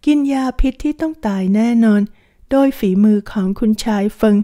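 Mellow woman reading a novel aloud. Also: on the high side, lively intonation, moderate pace. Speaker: audiobook narrator. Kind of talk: reading a translated historical romance novel.

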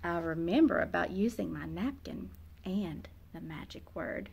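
Husky and darkish, with vocal fry and a fairly low pitch, this woman's voice moves at an unhurried pace. She's in her thirties, a storyteller reading a picture book aloud in a small classroom or reading room and expressively acting out the young narrator's emotions.

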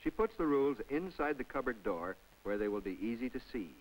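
A man narrates a public information film in a scripted, chatty voice-over, tossing folksy asides to the viewer. His medium-pitched voice is animated and a little fast. The audio is poor, an old film soundtrack with faint music underneath.

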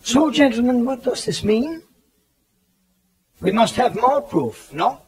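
A man playing a grave, authoritative elderly professor who hunts vampires, speaking deliberately and theatrically in an audio drama. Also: very high-pitched, expressive, husky, heavily acted. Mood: urgent. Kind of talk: dramatized audio play acting. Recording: 1979 cassette audio drama, background bustle.

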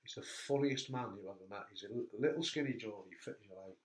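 A middle-aged man hosting a casual interview chat, telling stories with animated bursts. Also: lowish voice, fast talker. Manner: animated storyteller, voice jumps up when telling funny bits. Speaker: host. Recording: echoey room.

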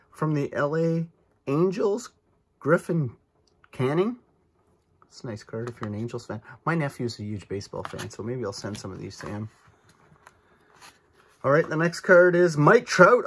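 A man talks through a card unboxing at a table in a casual, enthusiastic way. His voice sits a little high with a husky edge, and his pitch jumps around a lot as he gets excited. He keeps up a running stream of asides. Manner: chatty and enthusiastic, lots of asides. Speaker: card-opening channel host. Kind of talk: casual pack-opening vlog. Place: indoors at a table, off camera.

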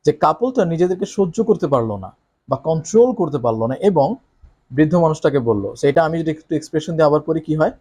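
A man teaching English who explains how to read a story aloud, often reading lines slowly with exaggerated expression and asking the listener tag questions. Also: on the high side, animated, darkish tone.

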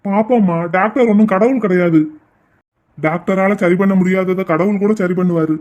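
A man playing a calm father and older brother who reasons patiently in a homemade drama. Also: high voice, lightly acted. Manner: patient, measured persuasion.

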